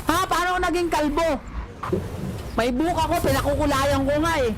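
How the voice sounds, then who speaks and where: This livestreamer has a high voice and a brisk pace, taunting and teasing the chat with mocking catchphrases he repeats over and over. Loud music plays over his voice, adding background noise.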